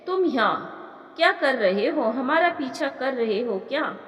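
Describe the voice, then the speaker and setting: A woman's voice: high-pitched, animated, a little slow, highs cut off. A woman voicing a proud, suspicious young college woman who talks sharply and scolds. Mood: scolding. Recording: echoey room with long reverb.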